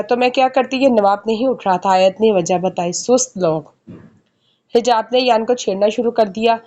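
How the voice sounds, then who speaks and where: A woman's voice: on the high side, mellow, lo-fi sound. Woman narrating a novel aloud. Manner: reads every character's dialogue herself, shifting tone slightly. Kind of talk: reading a romance novel aloud.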